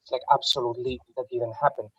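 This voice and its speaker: A man's voice: mid-range voice, flat delivery, fast talker, no echo. Guy making his point bluntly, muffled underwater-sounding headset mic, dull and dead dry. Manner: emphatic, blunt. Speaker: panel guest. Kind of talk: casual online discussion.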